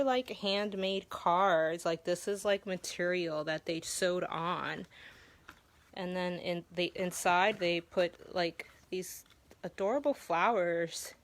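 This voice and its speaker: A woman who founded a nonprofit, speaking casually on a livestream from her office, gushing and emotional as she reads cards aloud, with "like" all through her talk. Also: mid-range voice.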